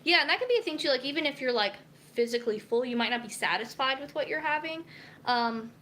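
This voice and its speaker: Bright-voiced dietitian woman chatting while cooking. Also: high voice, expressive, quick pace, a little hiss or hum. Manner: chatty, reads viewer comments aloud while cooking. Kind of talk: live cooking stream chat. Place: home kitchen.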